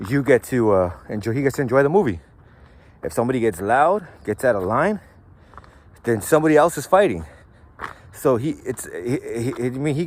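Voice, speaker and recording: A man's voice: medium pitch, a little mellow. Slangy man talking casually. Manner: slangy and profane, lots of "like" and "right?". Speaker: host. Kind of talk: casual storytelling monologue.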